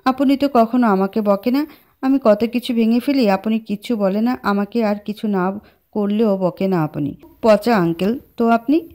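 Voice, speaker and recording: A woman's voice: mid-range voice, animated, fairly quick, warm tone, lightly acted. A woman voicing a timid, tearful young woman who talks like a small child in a storybook reading. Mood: whiny. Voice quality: whiny, sulky.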